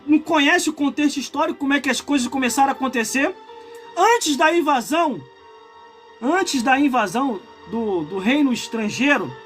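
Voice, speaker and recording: A man in his forties with a Brazilian Portuguese accent, preaching a live-streamed sermon. He swells into impassioned shouts and breaks off for chatty asides to his viewers. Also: very high voice. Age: 40s. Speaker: pastor.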